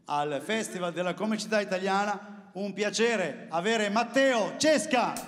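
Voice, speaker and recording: A man hosting a comedy festival on stage, introducing acts with brisk, upbeat announcements. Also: sits high, in a large hall. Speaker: show host. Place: large theatre stage. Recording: distant theatre sound, crowd and music.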